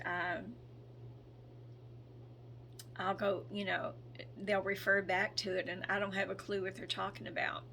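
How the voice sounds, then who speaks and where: Hoarse and hesitant, a woman speaking as a spiritual channel gives an informal update at a slow pace, with lots of ums and throat clearing. Her mid-range voice is pushed and bright, accompanied by a little hiss or hum.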